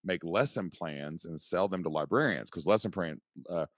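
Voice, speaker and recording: This is a middle-aged man with a very low, deep voice, speaking as a podcast guest. He tells his story with excitable, folksy energy and drops a casual "man" or "dude" along the way. The recording is dry and close. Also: normal speed, no echo. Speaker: podcast guest, online entrepreneur. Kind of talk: animated storytelling.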